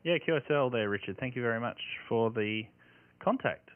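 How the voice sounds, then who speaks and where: A man's voice: medium pitch, animated, moderate pace. A man, an amateur radio operator calling and answering contacts with phonetic callsigns. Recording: narrow, very noisy radio-static sound.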